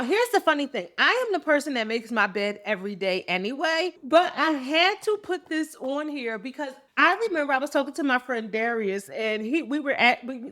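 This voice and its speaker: Podcast host, woman in her 40s, slightly high voice, energetic and chatty, talks straight to listeners. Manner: upbeat, energetic storytelling; conversational, addresses listeners directly. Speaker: podcast host and business coach. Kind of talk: solo motivational podcast talk.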